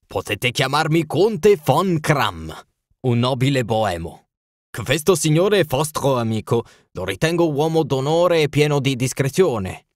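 A man's voice: medium pitch, no echo, clean studio sound, lightly acted. A man voicing a proud, towering masked king. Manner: solemn, formal, urgent.

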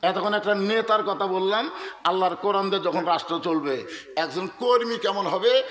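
A man preaches a waz sermon, his voice high and ringing bright. He moves between sung verses and storytelling, dropping soft and then rising to shouts as he calls on the crowd. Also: normal speed, reverberant, in a large hall.

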